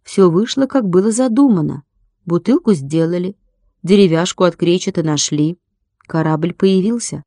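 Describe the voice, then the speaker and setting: A woman's voice: fairly low pitch, moderate pace, warm tone, no room sound, clean studio sound. A woman voicing a sensible young girl who teases a little and talks down to her friend. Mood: thoughtful. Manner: teasing, a little condescending.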